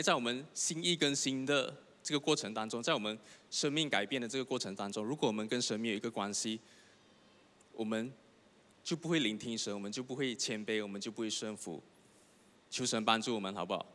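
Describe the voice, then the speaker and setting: A man's voice: lowish voice, sharp tone. A young man, preaching a sermon. He tells his own story earnestly and keeps asking the congregation questions. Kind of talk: sermon with personal testimony. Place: church hall. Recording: long hall reverb.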